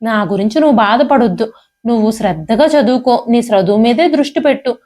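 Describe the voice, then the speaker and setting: Brief: woman reader as a dignified, gentle mother, calm and consoling, a touch softer and lower. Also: fairly quick, natural voice. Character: patient, dignified widowed mother, gentle and wise.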